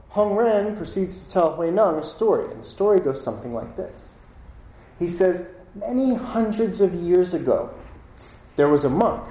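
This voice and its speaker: A man telling a story in a casual, animated, playful way, acting out the characters as he goes. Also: a little high, reverberant, slight background noise, poor audio. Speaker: storyteller, teacher.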